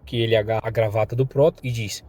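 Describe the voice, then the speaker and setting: A Brazilian man narrating a comic recap in a storytelling way, jumping up in pitch and force when he voices the thugs' lines. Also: steady tone, fast talker, dark tone, dry recording. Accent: Brazilian Portuguese. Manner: voices thug dialogue with rising pitch and force.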